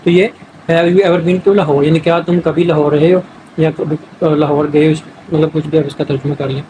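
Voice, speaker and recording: A man's voice: a little high, level tone, noisy background. A man giving a test-prep grammar lecture, explaining step by step and mixing English words into his Urdu. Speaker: teacher.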